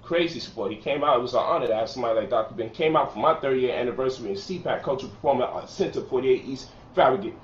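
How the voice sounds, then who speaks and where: A man's voice: mid-range voice, racing, few pauses, a little hiss or hum. A man from Brooklyn, a lecturer and author, talking heatedly and boastfully in a sit-down interview with a preacher-like cadence. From Brooklyn, New York. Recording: roomy, distant, muffled recording.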